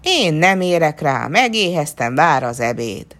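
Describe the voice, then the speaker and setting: A woman's voice: sits low, very animated, fairly bright tone. A woman doing a sly poor peasant man. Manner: sly and easygoing. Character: poor cunning male peasant, cheeky and calm.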